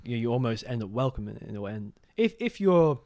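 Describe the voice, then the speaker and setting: A man's voice: mid-range voice, very animated, fast, dark tone. A young man co-hosting a casual podcast, talking earnestly and opinionated with frequent restarts. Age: young adult. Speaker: podcast co-host. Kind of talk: casual chat.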